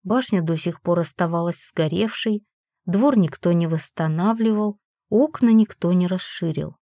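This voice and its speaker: A woman's voice: lowish voice, normal speed, mellow, dry recording, studio quality. A woman reading a first-person fantasy story aloud with wry, sarcastic narration. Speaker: audiobook narrator.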